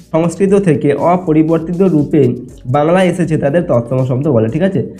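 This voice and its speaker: Man teacher, slightly high mellow voice, patient and step-by-step, soft music underneath. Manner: explanatory, checks in often with "ঠিক আছে?". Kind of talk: exam answer walkthrough lesson.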